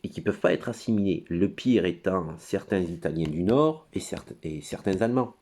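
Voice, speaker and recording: A man's voice: sits low, lively intonation, normal speed, a little mellow. A man giving a rambling, crude monologue at his computer, full of hesitations and digressions. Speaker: commentator.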